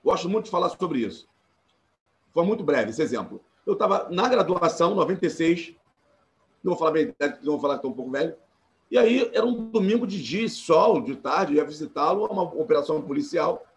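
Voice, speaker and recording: A man's voice: a little high, animated, fairly quick. Earnest Carioca man on a video call. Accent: Carioca Portuguese. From Brazil. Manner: earnest and emphatic, with repeated restarts. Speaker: panelist, former law student and activist. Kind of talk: live-streamed panel talk.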